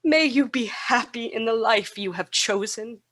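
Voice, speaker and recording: A young Victorian woman in a radio play, gentle and sorrowful. Her voice sits fairly high, and she speaks in measured, formal period phrases to the man she is giving up. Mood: resigned, tender. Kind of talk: Victorian radio drama acting.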